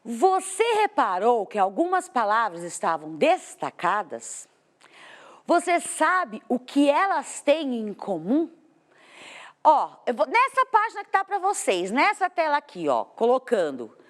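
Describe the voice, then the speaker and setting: Lively high-voiced Brazilian woman teaching. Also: measured pace. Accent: Brazilian Portuguese. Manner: explains step by step, asks the class questions. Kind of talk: televised classroom lesson. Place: TV studio. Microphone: studio microphone.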